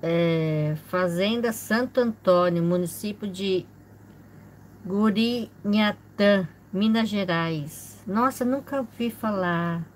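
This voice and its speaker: A Brazilian woman in her forties chats slowly with her live audience, reading out names and greeting each person. She talks into a close camera in a room at home, with a faint hiss underneath. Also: mid-range voice, rough recording. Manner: slow, chatty, greets viewers by name with frequent small laughs. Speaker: livestream host. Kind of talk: casual live chat reading viewer comments. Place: indoor home room with a fish tank.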